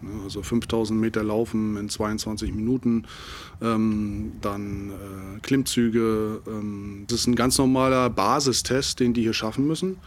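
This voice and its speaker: A man speaking as a military instructor in a casual podcast interview, with halting, thoughtful phrasing. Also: on the low side, fairly even intonation, a little hiss or hum.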